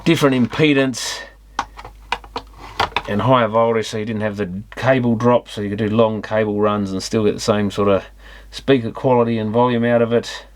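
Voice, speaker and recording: An electronics repair hobbyist presents a teardown, his fairly low voice keeping a mostly even intonation at a normal speed. He muses and thinks aloud while examining the hardware in loose, unscripted commentary. A little background noise can be heard.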